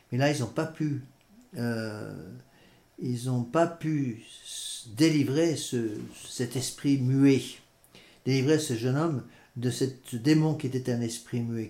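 A man preaching a sermon in French and reading scripture aloud, measured and hesitant, pausing on fillers. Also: mid-range voice, mellow. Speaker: priest. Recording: echoey room.

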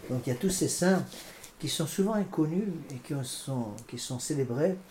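A man preaching a sermon and commenting on scripture, often halting and repeating words with fillers. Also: fairly high pitch, expressive, darkish tone, a little hiss or hum. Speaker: priest.

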